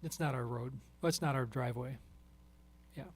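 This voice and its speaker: A man chairing a city planning meeting, brisk and pragmatic, steering the talk toward narrowing options. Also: medium pitch, slightly rough. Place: council meeting room.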